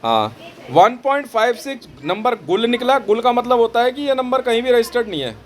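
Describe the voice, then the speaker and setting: A man telling a dramatic story in a boastful, animated way, quoting the dialogue as he goes. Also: very high-pitched, a little fast. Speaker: vlogger recounting phone calls.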